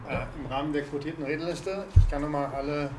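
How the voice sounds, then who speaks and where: A man moderating a public panel discussion, brisk and joking as he calls on speakers. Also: fairly high pitch, fairly even intonation, recorded from a distance, background noise. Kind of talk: chairing a discussion. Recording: roomy hall with audience.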